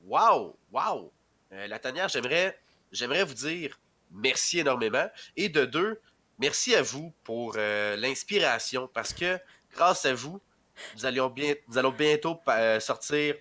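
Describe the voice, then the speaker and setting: An animated young man, a little slow in his delivery, talks with a medium-pitched, pushed, bright voice. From rural Quebec and congested with a head cold, he speaks with a Québécois French accent as a podcast guest, chatting casually in a rambling, hesitant way full of fillers.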